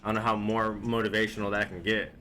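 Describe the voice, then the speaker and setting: A man's voice: on the low side, level tone, quick pace, pushed and bright, a little hiss or hum. A man at home giving casual, rambling reaction commentary on videos, loose and laid-back, with lots of filler words.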